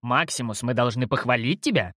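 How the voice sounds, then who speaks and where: A man voicing smug, eerie otherworldly beings who speak calmly and lazily with a mocking edge. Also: mid-range voice, fairly quick, dry recording, studio quality. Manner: calm, lazy, mocking.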